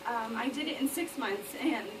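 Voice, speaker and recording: A woman from Colorado giving a personal testimonial to an audience, earnest and hesitant, with many pauses and "um"s. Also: a little high. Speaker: speaker sharing her story on stage. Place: indoor meeting room with an audience. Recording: echoey room, distant mic, noisy.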